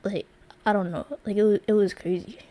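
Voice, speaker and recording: A woman's voice: mid-range voice, steady tone, fairly quick, mellow. A young woman streaming live, telling a story to her chat in a rambling, casual way with lots of fillers and restarts. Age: young adult.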